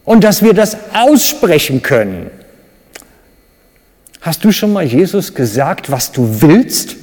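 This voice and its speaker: A man with a German accent preaching a sermon, animated, with sudden loud high bursts when he acts out cries and quotes. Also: slow. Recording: reverberant hall.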